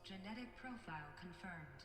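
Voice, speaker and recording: A woman voicing a malfunctioning facility computer that gives clipped, monotone announcements and repeats itself as it glitches. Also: fairly low pitch, normal speed, natural voice. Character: glitching female facility computer, flat and mechanical. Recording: echoey game audio with music. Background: game music.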